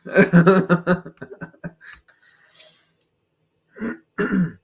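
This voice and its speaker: A man's voice: high-pitched, fairly even intonation, drawn-out words, a little hiss or hum. A man co-hosting a casual chat in a laid-back, joking way. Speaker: co-host.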